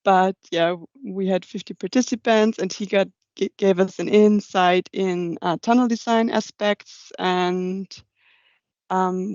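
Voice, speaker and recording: A woman's voice: medium pitch, darkish tone, dry recording. Young woman presenting, slightly muffled audio. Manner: halting, non-native English phrasing. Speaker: presenter for a young engineers' group. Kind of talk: informal slide presentation. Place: online video meeting. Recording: dull, muffled online call audio.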